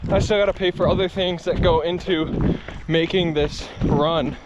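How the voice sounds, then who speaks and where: A man vlogging candidly and reflectively while out on a run, speaking in short, halting phrases. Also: sits high, fairly even intonation. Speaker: running vlogger. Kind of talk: reflective vlog talk while running. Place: outdoors, out on a run. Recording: muffled, noisy outdoor wind and traffic.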